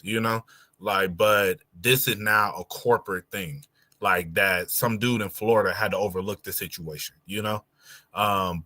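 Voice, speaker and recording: Bright-voiced man telling stories casually. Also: fairly low pitch. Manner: loose storytelling, many fillers. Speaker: podcast co-host. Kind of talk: casual chat.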